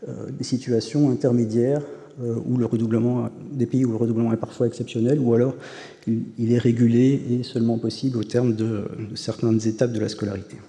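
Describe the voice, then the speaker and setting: Speaking fairly quickly in a warm, medium-pitched voice with little pitch movement, a professor delivers a slide-based academic talk at a conference. He hesitates a lot, restarting and filling pauses with "euh," while the hall's long reverb trails his words.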